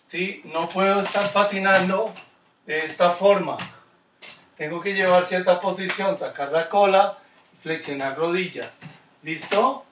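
A man's voice: high voice, a little slow, fairly bright tone, reverberant, distant mic, a little hiss or hum. A man with a Colombian Spanish accent teaching a kids' skating class online, coaching with encouraging, repeated cues. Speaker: skating instructor.

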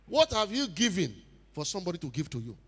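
Man, pastor, sermon, lively swooping pitch, fairly high voice, long hall reverb. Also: quick pace, breathy edge. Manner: emphatic preaching, surging loud then dropping low. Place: large hall at a church convention.

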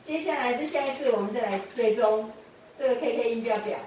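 A woman's voice: fairly high pitch, a little fast, a little mellow. A woman tutoring pupils in a classroom, patiently repeating prompts and quizzing them. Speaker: English teacher. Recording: echoey room from far off, faint noise.

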